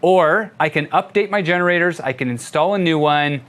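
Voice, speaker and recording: With a fairly high, slightly bright voice and a somewhat quick pace, an older man teaches web development in a live session. He demonstrates tools in a playful way, chuckling as he goes through this coding tutorial.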